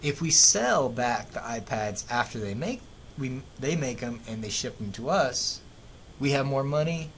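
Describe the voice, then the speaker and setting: A man's voice: lively intonation, a little slow. A man with an American accent lecturing like a professor, explaining economics as a teacher with everyday examples. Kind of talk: classroom lecture narrated over slides. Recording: clear background noise, low rumble.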